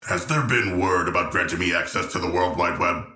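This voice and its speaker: A man's voice: low-pitched, fairly quick, bright, forceful tone, echoey room. An actor playing a huge, earnest and naive shark-man royal in a video game, speaking in stilted, formal and solemnly literal language. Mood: curious, formal. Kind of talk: scripted game character voice lines.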